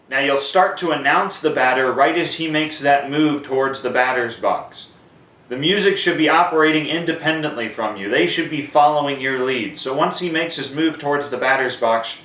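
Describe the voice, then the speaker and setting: Sharp in tone and mid-range in pitch, a male sports announcing instructor gives a casual, step-by-step how-to lesson with demonstrations. A distant mic captures him in a room full of echo.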